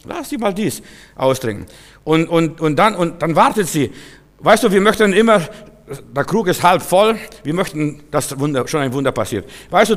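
A man's voice: on the high side, fairly bright tone. A man preaching a sermon in a folksy way, acting out the figures he quotes. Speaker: pastor. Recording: long reverb of a hall.

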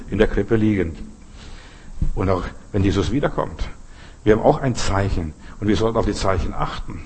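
A man's voice: mid-range voice, darkish tone, husky. A man preaching a sermon, speaking to his listeners directly and often asking them questions.

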